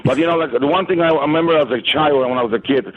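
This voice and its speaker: A man's voice: on the high side, very fast, dry recording. A middle-aged man from Poland with a Polish accent, calling in to a radio show over a landline phone, blunt and indignant with salty language. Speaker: caller. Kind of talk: call-in radio chat. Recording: tinny phone line.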